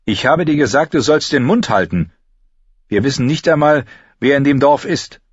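A man's voice: medium pitch, animated, moderate pace, slightly rough, dry recording, muffled recording, voice pushed up. A man voicing a brooding young smith who gives curt, stern orders. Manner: curt, commanding.

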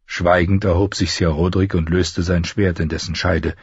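A man narrating an audiobook in an expressive storytelling manner, doing all the voices. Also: sits low, moderate pace, slightly rough, no echo, dull audio. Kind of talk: scripted narration.

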